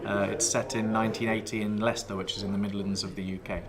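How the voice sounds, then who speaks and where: Guy from south wales, film director, lowish voice, talks it through slow and careful with lots of ums. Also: little pitch movement, crowd noise. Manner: measured, explanatory, pauses with fillers. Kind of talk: festival interview.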